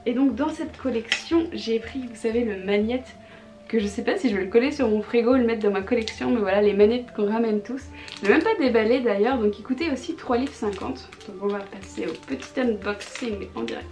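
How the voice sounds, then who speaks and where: A woman's voice: on the high side, brisk, over music. Chatty, enthusiastic woman vlogger. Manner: chatty and enthusiastic, with frequent fillers and restarts. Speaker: vlogger showing purchases. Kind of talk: casual haul vlog.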